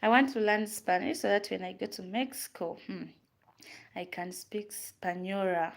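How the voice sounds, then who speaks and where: In a noisy home recording, a young Ugandan vlogger with a Ugandan accent, whose first language is Luganda, talks casually to viewers while she cooks. Her voice is medium-pitched and creaky, at a normal speed.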